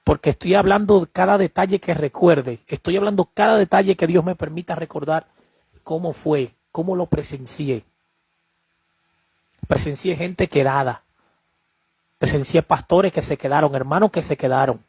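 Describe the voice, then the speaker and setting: A man recounts his vision straight to the camera in an emphatic, repetitive way, calling his listener beloved again and again. His voice is very husky and sits a little high. The sound is dry and close. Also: moderate pace, a little mellow, no echo. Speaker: preacher sharing a vision. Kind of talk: personal testimony to camera.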